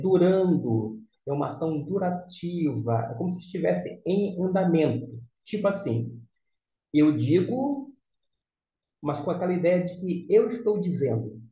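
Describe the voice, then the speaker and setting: Guy teaching a lesson real slow, lots of pauses and fillers, echoey room. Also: a little high, mellow. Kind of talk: explanatory lesson. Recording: echoey room, dull lo-fi sound.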